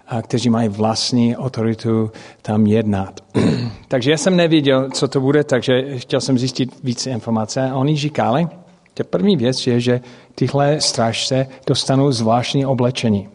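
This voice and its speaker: In a hall with long reverb, a middle-aged man preaches by telling personal stories, his medium-pitched voice darkish in tone. He's a native English speaker with an English-speaking accent in his Czech, and he stumbles, searching for words and slipping on grammar.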